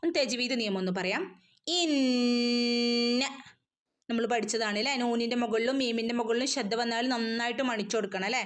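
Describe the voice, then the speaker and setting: Patient higher-voiced woman teaching recitation. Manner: patient, explains rules then chants verses slowly. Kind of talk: online tajweed lesson.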